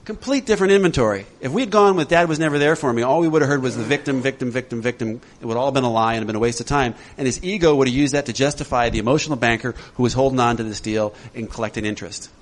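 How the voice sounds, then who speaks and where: A man leading a recovery workshop for a group, animated and laughing often as he acts out voices. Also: medium pitch, racing, hardly any pauses. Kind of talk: talk to a group.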